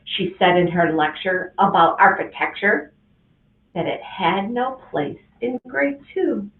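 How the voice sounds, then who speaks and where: A woman reading a rhyming picture book aloud to children as a guest reader, with an expressive, sing-song delivery. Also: medium pitch, takes it slowly. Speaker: guest reader, school administrator. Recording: tinny, echoey, from a distance.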